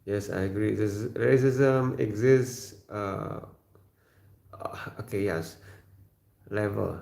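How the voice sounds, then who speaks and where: A non-native English speaker with an Indonesian accent, this male host runs a casual livestream and reads comments falteringly, repeating himself, adding fillers and clearing his throat often. His pitch is fairly low and his tone dark, and the room echoes.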